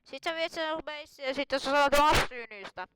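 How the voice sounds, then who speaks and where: A woman's voice: high-pitched, background noise. A woman giving casual, rambling gameplay commentary, thinking aloud as she plays. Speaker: gamer.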